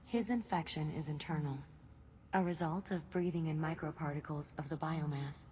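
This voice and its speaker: Low-voiced, precise female facility aide played by an actress. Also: darkish tone, a little hiss or hum, close to an everyday voice. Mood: grave, measured. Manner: measured, formal, exact. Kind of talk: video game voice acting.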